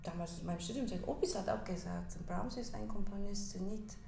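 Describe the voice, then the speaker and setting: A woman in her forties from South Korea with a Korean accent, a pianist talking haltingly in an interview, searching for her words. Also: medium pitch, creaky, over music. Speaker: pianist guest. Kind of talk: casual interview talk. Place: living room with a piano and plants. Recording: echoey room, faint hiss.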